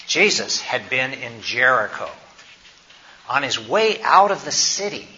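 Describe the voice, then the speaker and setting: A man's voice: mid-range voice, pushed and bright. A man presenting health education to a group, praying, telling a Bible story, and then quizzing his listeners with questions. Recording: slightly dull recording, faint noise.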